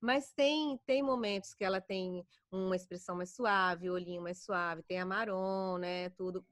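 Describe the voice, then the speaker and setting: A woman's voice: medium pitch, moderate pace, no echo, clean studio sound. A middle-aged woman with a Brazilian accent, a voice actor chatting in an interview. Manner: animated, chatty, many fillers. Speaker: voice actor guest. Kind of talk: casual interview chat.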